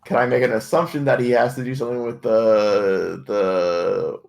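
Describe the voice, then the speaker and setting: A man chatting casually as a player in a tabletop game, halting and repeating his words. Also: lowish voice, steady tone, vocal fry, a little mellow.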